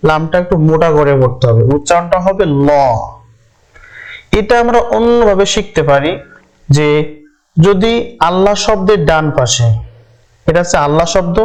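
A man's voice: high voice, poor audio. Patient man teaching recitation. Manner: patient, repeats each rule slowly. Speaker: Quran reading teacher. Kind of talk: step-by-step recitation lesson.

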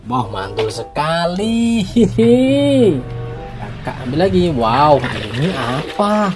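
A woman's voice: a bass voice, big pitch swings, slow, over music. A woman hosting a children's toy reveal, talking in a playful, exclamatory way like a kids' party magician presenting surprises. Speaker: children's toy video host.

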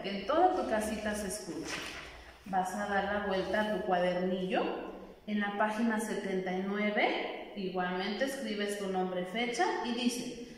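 A kindergarten teacher, singing and guiding small children through a lesson in a sing-song, encouraging way. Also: female voice, on the high side. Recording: echoey room, far from the mic.

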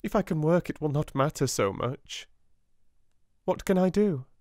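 A man's voice: a little high, lively intonation, measured pace, darkish tone, no echo, clean studio sound, pitched above the performer's own voice. A man with a British accent voicing a proud, steadfast little girl, in a raised, earnest voice. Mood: eager. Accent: British English.

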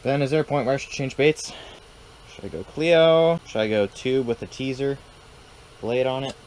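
The audio is poor, with slight background noise, as a young man talks at normal speed in a medium-pitched, darkish voice. He's a playful, joking outdoor vlogger doing casual chat while ice fishing, on an open frozen lake and then inside an ice fishing tent, on an action camera at arm's length or set nearby.

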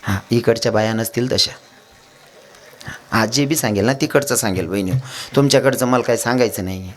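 A man's voice: mid-range voice, a little fast. A man with a Khandeshi Marathi accent preaching a humorous devotional kirtan sermon, telling stories with acted voices and jokes to a live audience. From India.

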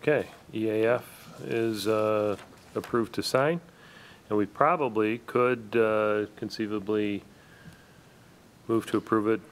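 A man with a lowish voice chairs a town planning board meeting, steering talk in a relaxed, casual manner with lots of "uh"s. The recording comes over a video call with faint background noise. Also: slow. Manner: relaxed, filler-heavy chairing.

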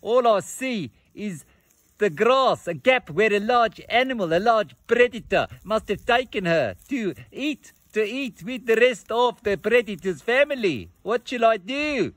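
Comic skit: fussy, overdramatic doll husband, played by a man, high voice. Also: lively intonation, measured pace, fairly bright tone, no room sound. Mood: frantic. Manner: overwrought, theatrical. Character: melodramatic doll man lost on safari. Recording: faint music behind.

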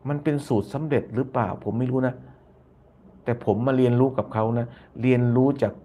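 A man's voice: medium pitch, brisk, mellow. A man hosting a casual live-stream commentary, reading viewer comments aloud, often repeating phrases and tagging lines with polite particles. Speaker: YouTube channel host.

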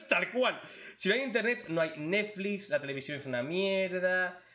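In a casual chat, a blunt, jokey man reads out viewer questions and answers them with crude humor. His voice is a little high for a man, animated and sharp-toned, and he speaks a little slowly. The recording sounds dull and lo-fi.

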